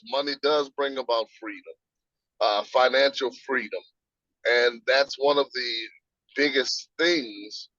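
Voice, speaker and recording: A man's voice: mid-range voice, fairly bright tone, no room sound, dull audio. A man guest on a video call, quoting scripture and explaining points step by step in a teaching manner. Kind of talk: casual interview, teaching.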